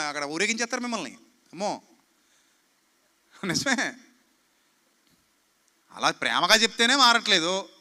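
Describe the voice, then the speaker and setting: A man's voice: high-pitched, bright, forceful tone. A man preaching a fiery sermon, scolding the crowd with rhetorical questions and mocking quotes. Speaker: pastor.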